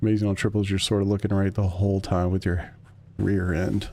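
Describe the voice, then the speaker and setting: A man's voice: sits low, little pitch movement, a little fast, warm tone. A man streaming a sim racing game, chatting casually with his chat while he drives. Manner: laid-back, rambling, answers chat.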